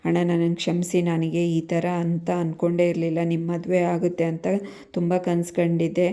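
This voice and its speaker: A woman's voice: fairly low pitch, monotone, moderate pace, dark tone, lightly acted. A woman voicing a remorseful young woman who pleads for forgiveness. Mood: pleading. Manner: pleading, apologetic.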